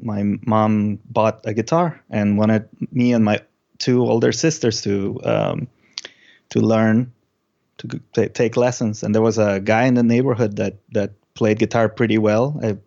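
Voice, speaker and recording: A male musician from Peru, who grew up speaking, tells stories in a relaxed, casual interview. His low-leaning, creaky voice feels its way haltingly through sentences as he thinks aloud, and the sound is somewhat dull and lo-fi.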